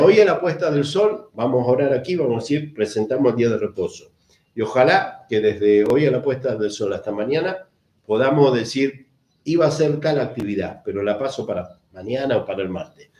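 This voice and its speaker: A man with a Rioplatense Spanish accent delivers a teaching sermon in a mellow, warm tone. He repeats his phrases and keeps asking the congregation whether they follow. His voice rings in an echoey room. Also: mid-range voice. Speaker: preacher.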